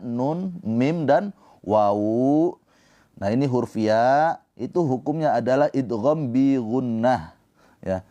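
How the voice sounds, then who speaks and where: A man teaches the rules of Quran recitation on a livestream, explaining slowly before chanting verses in a drawn-out, melodic voice. His voice is mid-range and warm, and the sound is lo-fi.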